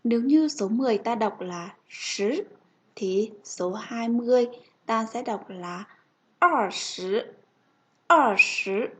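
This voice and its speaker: A woman with a Vietnamese accent teaching a language lesson, saying each number twice, slowly and clearly. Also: on the high side, dark tone. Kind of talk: slow, repetitive counting lesson.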